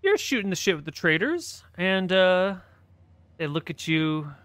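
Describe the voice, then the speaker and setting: A man narrating as game master, relaxed and wry with teasing asides. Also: high-pitched, unhurried, smooth.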